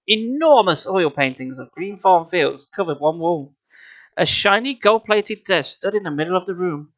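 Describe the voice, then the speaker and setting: In an animated, slightly bright voice of medium pitch, this live streamer and storyteller narrates a children's book with expression at normal speed. Along the way come offhand remarks that are wry and mocking.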